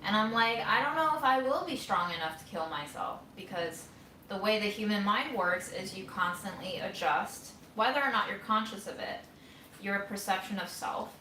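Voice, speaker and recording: Candid, bright-voiced woman in her thirties. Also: mid-range voice, normal speed, slight background noise. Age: 30s. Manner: candid, rambling, wry. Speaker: vlogger caring for her grandmother. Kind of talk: casual musing while cooking. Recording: roomy sound, mic at a distance.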